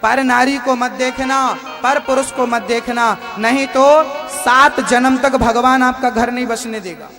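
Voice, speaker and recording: Male preacher, very high voice, sermon delivery with repeated rhetorical questions, music playing underneath. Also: measured pace. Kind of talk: devotional sermon.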